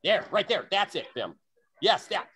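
Bright-voiced man coaching on a video call. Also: high-pitched, big pitch swings, measured pace, a little hiss or hum. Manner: demonstrates with sharp shouted breaths. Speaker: fight practice coach.

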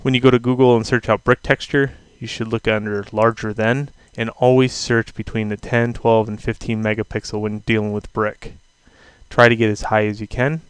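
A man teaching a software tutorial over a screen recording, talking casually and thinking aloud with fillers. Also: lowish voice, level tone, normal speed, smooth, dry recording. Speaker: instructor.

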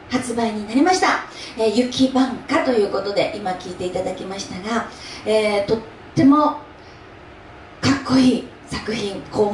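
With a somewhat high voice, an enka singer from Osaka, Japan chats between songs at a mini live event held in a music shop's event space. She laughs frequently and leans on fillers. Her handheld mic picks her up from a distance in an echoey room, with a little hiss or hum.

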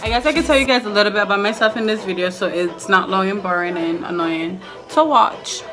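A beauty vlogger from Trinidad, in her twenties, talks to the camera in a casual way while putting on makeup, speaking fairly quickly at medium pitch. The setting is a small indoor room with curtains and a couch, with music in the background.

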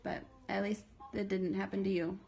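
A caregiver films a patient in a small indoor bedroom, chatting casually with short questions, patiently humoring them and echoing back what she hears. Her mid-range voice is gravelly and warm, with a level tone and moderate pace. The phone video is muffled, with noticeable noise.

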